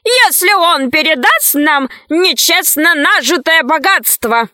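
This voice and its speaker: A scheming male priest presides over a trial, wheedling one moment and commanding the next, voiced by a woman. His bright, raised voice moves a lot and takes its time, recorded close and dry. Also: high voice, expressive, slow pace, dry recording, pitched above the performer's own voice, heavily acted. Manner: commanding, sly.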